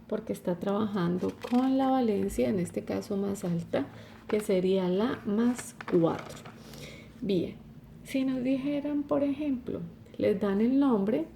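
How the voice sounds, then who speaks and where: Gravelly, dark-voiced woman teaching chemistry. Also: mid-range voice, a little hiss or hum. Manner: patient, explaining step by step with frequent "¿cierto?". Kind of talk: recorded online lesson.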